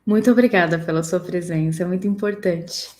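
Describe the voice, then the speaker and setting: A woman's voice: on the low side, brisk, a little mellow. A woman hosting a live panel, speaking semi-spontaneously. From São José do Rio Preto, Brazil. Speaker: live-stream host.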